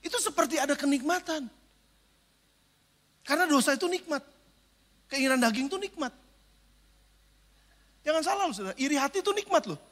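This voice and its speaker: A man preaching as a pastor, animated and joking, swinging between loud preaching and quiet asides. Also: extremely high pitch, a little fast, long pauses. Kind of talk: sermon. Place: large church hall. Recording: reverberant church hall.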